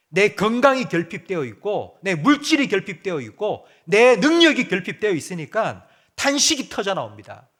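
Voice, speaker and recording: A man preaching a sermon as pastor, asking the congregation direct questions and moving between loud urgent appeals and quiet low murmurs.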